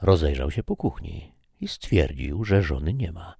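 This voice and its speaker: A man's voice: deep voice, big pitch swings, measured pace, vocal fry, mellow, breathy edge, dry recording, studio quality. A man reading a short story aloud as narrator, telling it expressively.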